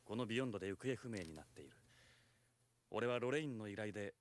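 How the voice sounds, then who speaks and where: An actor playing a brash, wisecracking male cop in a video game, speaking with crisp energy. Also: on the low side, expressive, very fast, a little hiss or hum, lightly acted. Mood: urgent. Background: game music.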